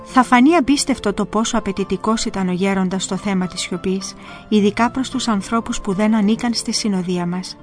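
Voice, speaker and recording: A woman narrating a first-person story in a calm, earnest storytelling manner. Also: medium pitch. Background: faint music.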